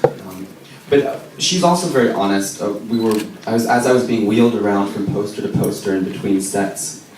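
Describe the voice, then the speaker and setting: A young man in his twenties with an American accent, doing a self-deprecating stand-up set and pausing with ums. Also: lowish voice, recorded from a distance. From Israel. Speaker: stand-up comedian. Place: comedy club. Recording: echoey club recorded from afar, noisy.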